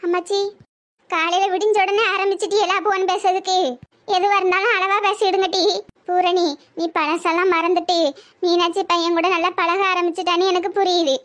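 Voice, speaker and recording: A woman's voice: very high-pitched, flat delivery, moderate pace, fairly bright tone. A woman voicing a meddling old grandmother who scolds and coaxes, with a Tirunelveli Tamil accent, in a cartoon comedy. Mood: coaxing. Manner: scolding, knowing.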